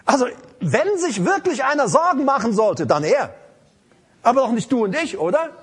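Brief: emphatic male preacher before a congregation, a husky voice that swings in pitch. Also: very animated, normal speed. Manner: emphatic, repeats lines, laughs while preaching. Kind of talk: live sermon.

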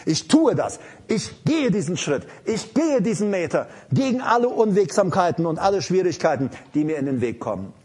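Brief: emphatic male preacher before a congregation, a husky voice that swings in pitch. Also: very animated, normal speed, darkish tone. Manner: emphatic, repeats lines, laughs while preaching. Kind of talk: live sermon.

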